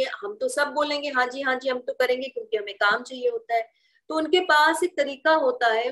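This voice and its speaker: A woman's voice: fairly high pitch, a bit bright, low-quality recording. A woman trainer giving an online training session. She often hesitates, slips English phrases into her Hindi, and checks in with her listeners by asking "right?".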